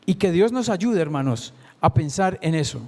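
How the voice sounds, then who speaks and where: A man's voice: a little high, animated, moderate pace, dark tone. A man, preaching a Sunday sermon as a lay preacher and putting rhetorical questions to the congregation.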